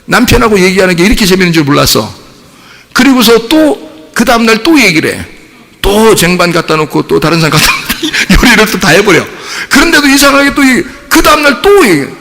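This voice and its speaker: A male pastor preaching a sermon in a casual, conversational way, acting out quoted voices and sometimes rising to a shout. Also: high voice, big pitch swings, a little fast, creaky, long reverb tail. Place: church sanctuary.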